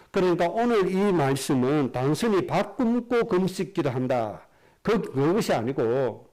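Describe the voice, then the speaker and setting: Lively Korean pastor preaching. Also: male voice, rough recording. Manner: asks the congregation rhetorical questions; slows down and drops low at the end of phrases. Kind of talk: sermon.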